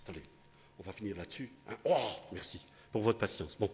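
An older man preaching a sermon with a husky voice, in a chatty style that keeps tossing tag questions to his listeners and restarting phrases. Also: on the low side, brisk, darkish tone. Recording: long hall reverb.

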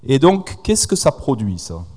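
A man's voice: mid-range voice, very animated, a little slow, a little mellow. A man preaching a sermon, retelling scripture with quoted dialogue and putting questions to the congregation. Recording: long hall reverb.

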